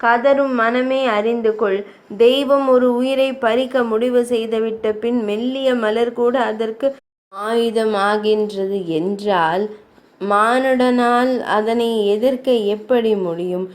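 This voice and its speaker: A woman voicing a grief-stricken young king who mourns his dead wife in a slow, mournful lament. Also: on the high side, steady tone.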